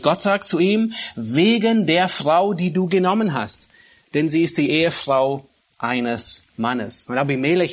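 A man preaching an expository sermon. He reads scripture slowly and swells into emphatic phrases, often stumbling and repeating words. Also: a little high, slightly rough.

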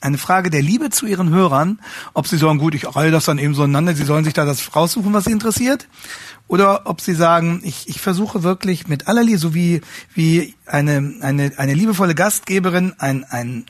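A man teaching a class on how to preach, earnest and restating his words as he searches for phrasing, rising higher and louder when he stresses a point. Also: moderate pace, dry recording. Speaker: homiletics teacher. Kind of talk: lecture on preaching.

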